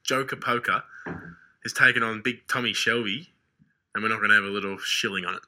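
A man's voice: lowish voice, brisk, bright, forceful tone. An Australian man hosting a racing tipping show in casual, teasing banter with his mates. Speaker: host of a greyhound tipping show.

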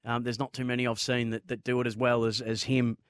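A man's voice: medium pitch, level tone, a little fast, clear, resonant tone, dry recording, studio quality. An Australian man hosting sports talk radio, speaking conversationally to listeners and callers. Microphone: close studio microphone.

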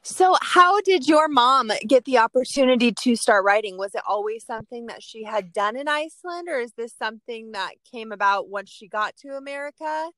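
A woman's voice: fairly high pitch, expressive, normal speed, hardly any pauses, fairly bright tone, no echo. A woman hosting a podcast interview, asking questions and reacting with enthusiasm. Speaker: podcast host.

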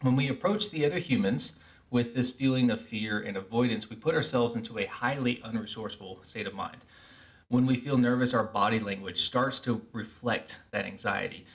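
Man, mid-pitched voice, earnest, explanatory, podcast monologue. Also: moderate pace. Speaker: podcast host. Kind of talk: self-help podcast monologue.

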